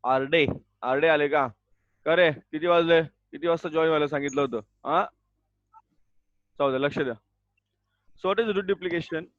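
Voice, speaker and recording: A man teaching a grammar lesson over a video call, giving slow, deliberate definitions and sternly telling students to mute. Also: a little high, fairly even intonation, no echo. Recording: dull lo-fi video call audio.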